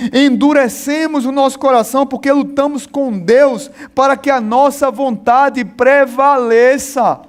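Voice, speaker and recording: A Brazilian man who is a pastor, preaching a sermon emphatically, repeating phrases and calling out to the congregation. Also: extremely high pitch. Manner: emphatic, repetitive, talks to congregation directly. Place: church.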